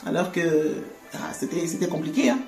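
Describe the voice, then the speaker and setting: A woman giving a conversational faith testimony, animated, laughing often and repeating words. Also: sits low, moderate pace. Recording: echoey room with faint music.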